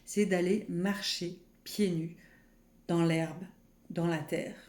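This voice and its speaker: A woman speaking French as a personal development coach, guiding listeners gently with many pauses and fillers. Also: on the low side, steady tone, echoey room. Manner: soft, unhurried, guiding with many fillers and restarts; counts slowly through a breathing exercise. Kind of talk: gentle personal growth video talk.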